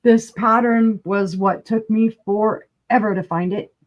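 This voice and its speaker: A woman's voice: mid-range voice, fairly even intonation, unhurried, dull audio. A woman hosting a live-stream vintage glass auction, chatting casually and describing each piece with asides. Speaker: online glass auction host.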